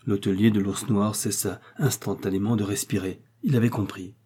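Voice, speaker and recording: A man narrating a novel in steady storytelling. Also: lowish voice, moderate pace, slightly rough. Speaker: audiobook narrator. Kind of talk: scripted narration.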